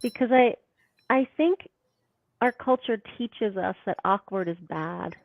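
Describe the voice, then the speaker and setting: A woman's voice: mid-range voice, a little slow, creaky, dry recording. A woman, a guest teacher in a casual conversation, reflective and laughing often as she talks in earth metaphors. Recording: tinny phone-like call audio.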